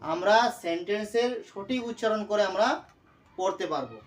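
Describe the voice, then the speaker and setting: A man teaching a pronunciation lesson, speaking slowly and repeating words as he breaks them into syllables. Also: high voice, expressive, recorded from a distance. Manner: slow, repetitive, breaks words into syllables aloud. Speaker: English teacher. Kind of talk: classroom lesson explaining pronunciation.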